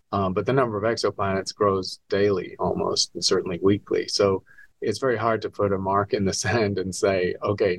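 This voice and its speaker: A man in his sixties, an astronomy professor and author, explains things fluently as a guest on a podcast interview. Born in Scotland and raised in England and the US, he has a gravelly voice on the low side, recorded with no room sound.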